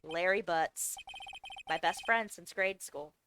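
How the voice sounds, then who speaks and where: A woman's voice: on the low side, slow pace, background noise, pitched below the performer's own voice. A woman reading a wry young male lawyer.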